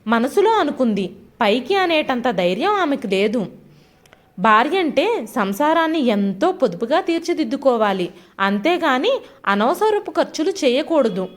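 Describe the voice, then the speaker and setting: A woman hosting an audio storybook channel, narrating a story in a dramatic, expressive way. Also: high-pitched, moderate pace.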